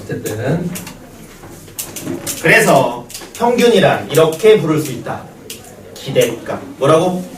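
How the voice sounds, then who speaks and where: A man's voice: fairly high pitch, very animated, takes it slowly, pauses often, noisy background. A man teaching math to a class, joking and telling stories between points. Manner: joking banter with students, storytelling. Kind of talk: classroom lecture. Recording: roomy classroom echo, distant mic.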